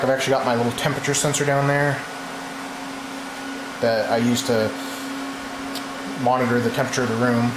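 A man talks in a loose, rambling way while he films on a handheld camera in a small room. His voice sits at an average pitch. The room sounds hollow, and loud fan and air-conditioning hum runs under everything. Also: roomy sound. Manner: relaxed, rambling, with fillers and restarts. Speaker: home server hobbyist giving a tour. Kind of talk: casual walkthrough narration. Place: small home server room indoors. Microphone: handheld camera mic, filming while walking.

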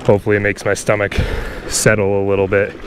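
Fast-talking and completely flat in delivery, this low-voiced Canadian man narrates to camera from his kayak while fishing on open water. He stays laid-back and chatty with his viewers. Wind and water noise are clearly picked up.

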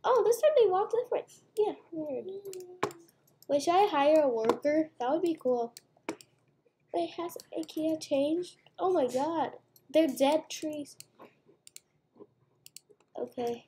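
Warm and high-sitting, the voice of a young girl carries lively intonation, a slow pace and long pauses. She chats playfully while playing a restaurant game at home, talking through each move in casual gamer style, with faint background noise and mouse clicks behind her.

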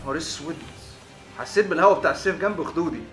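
Rapid excitable Egyptian gamer man. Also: on the high side, roomy sound, faint music behind. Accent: Egyptian Arabic. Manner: excitable, shouting exclamations, stammered repeats. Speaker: gaming video host. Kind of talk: live game commentary.

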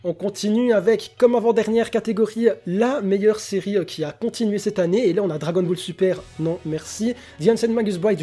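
High, mellow-voiced young man. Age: young adult. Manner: enthusiastic, opinionated, hesitant with many fillers. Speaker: anime YouTuber. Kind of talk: casual spoken commentary.

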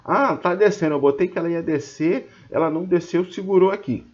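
A man's voice: sits high, fairly quick, highs cut off. A man with a Brazilian Portuguese accent teaching trading in an informal screen-share lesson, talking colloquially and scolding and joking with his viewers. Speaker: trading instructor.

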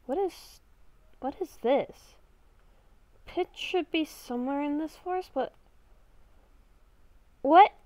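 Her voice sits high and dry, with no echo at all. This gaming video creator stays in character as she improvises a roleplay, muttering to herself and letting out exclamations.

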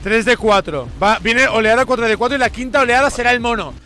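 A man from Spain streams a game in a very high, fast voice, piling on exclamations and repeating himself. His tone is bright and sharp, with faint music underneath. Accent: Spain Spanish. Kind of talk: excited gameplay commentary.

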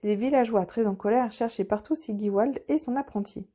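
A woman narrating a children's audiobook in a gentle, expressive way. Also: a little high, brisk. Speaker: storyteller.

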